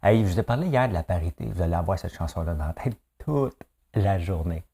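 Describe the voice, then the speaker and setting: Low, mellow-voiced Québécois man commentating. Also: animated, a little fast, slightly rough. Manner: chatty, tag questions, exclamations. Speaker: morning news commentator. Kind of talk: casual solo commentary.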